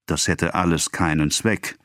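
A man's voice: low voice, steady tone, measured pace, a bit bright, no room sound. Man doing scheming merchant, sneering, mocking, cold, dry close sound.

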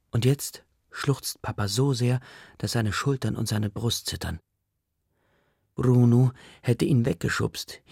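A man narrates a story in a low, gravelly voice with a husky, rough edge. His reading is quiet and subdued. The recording is dry and close, with no room sound. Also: no room sound. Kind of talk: audiobook narration.

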